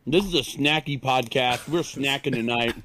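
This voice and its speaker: A man co-hosting a podcast, chatting in a relaxed, rambling way. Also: mid-range voice, moderate pace. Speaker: podcast co-host. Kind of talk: casual podcast chat.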